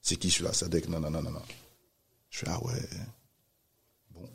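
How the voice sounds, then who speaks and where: Gravelly low-voiced Frenchman telling a story. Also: moderate pace. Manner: animated, acts out quoted voices, many restarts. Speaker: music manager telling a story. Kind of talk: casual storytelling chat.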